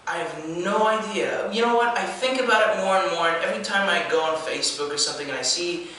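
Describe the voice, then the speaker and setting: A young man from New Zealand speaks with an American accent that still hints at his home, earnest and restless, tripping over his words. His tone is bright and pushing. He sounds set back from the mic in a very echoey room. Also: high-pitched, fast, recorded from a distance, a little hiss or hum. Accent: American, with a trace of New Zealand. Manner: restless and earnest, many restarts and fillers. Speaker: actor being interviewed. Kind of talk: casual interview.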